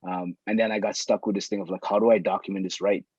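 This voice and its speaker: Husky low-voiced man, casual and searching, circles his own phrases; dull lo-fi sound. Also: flat delivery, fast talker, a little mellow, no echo. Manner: thinking aloud, circling back on phrases. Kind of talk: casual conversation.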